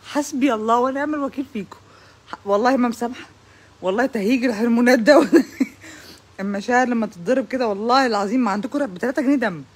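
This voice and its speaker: A young woman with an Egyptian accent delivering an exasperated comic stand-up monologue, with loud outbursts of complaint. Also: on the high side, racing, husky. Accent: Egyptian Arabic. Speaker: comedian.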